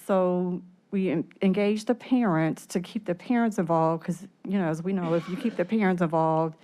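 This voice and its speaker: Woman talking thru a face mask at a committee meeting, lowish smooth voice, bit short of breath, halting. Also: dark tone. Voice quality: speaking through a face mask. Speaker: program staff presenter at a committee meeting. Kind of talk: explanatory answers at a public meeting.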